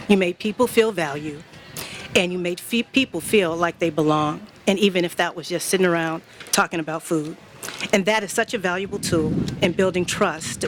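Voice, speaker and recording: A middle-aged woman from Indiana gives a warm, personal tribute speech at a dedication ceremony, laughing often and sometimes emotional. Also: mid-range voice, a little hiss or hum. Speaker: college staff member giving a dedication speech. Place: event hall with an audience.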